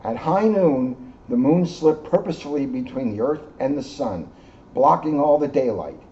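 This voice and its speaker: Male storybook reader, police officer, relaxed warm timbre, lo-fi recording. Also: medium pitch, moderate pace. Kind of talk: children's storybook read-aloud with casual asides. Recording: dull lo-fi sound, faint background noise.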